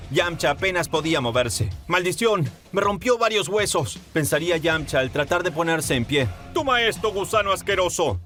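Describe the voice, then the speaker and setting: A man narrating a scripted fan story in a steady, dramatic storytelling manner. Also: on the high side. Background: faint music.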